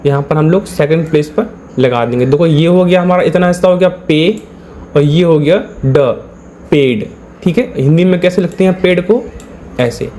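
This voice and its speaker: A man's voice: a little high, normal speed, dark tone, a little hiss or hum. A male teacher giving a patient, step-by-step lesson, repeating his points and checking that his students follow. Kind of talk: step-by-step classroom explanation.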